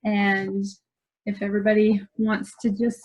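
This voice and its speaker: A woman's voice: medium pitch, flat delivery, unhurried, darkish tone, rough recording. A woman hosting a student video call session, closing it with friendly thanks to the speaker. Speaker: event host.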